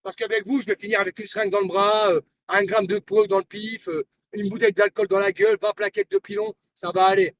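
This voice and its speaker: A man with a very high speaking voice delivers a confrontational live-stream rant, taunting and hammering the same lines over and over. He sits some way back from the mic, and a faint hiss of noise runs under his voice. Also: lively intonation, fast, vocal fry, hardly any pauses, distant mic. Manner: confrontational, repeats himself, taunting. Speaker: livestreamer.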